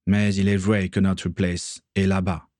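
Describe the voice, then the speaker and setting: A man's voice: deep voice, flat delivery, a little mellow, no room sound, clean studio sound. A man playing a remorseful young brother. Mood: earnest. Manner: slow, deliberate.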